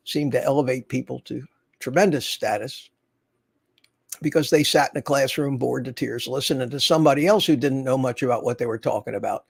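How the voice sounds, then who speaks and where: Streaming live from his Florida home, a man in his 70s keeps up a rambling, folksy chat, answering viewers by reading their comments aloud. He has a medium-pitched voice that's creaky with a breathy edge, heard without echo.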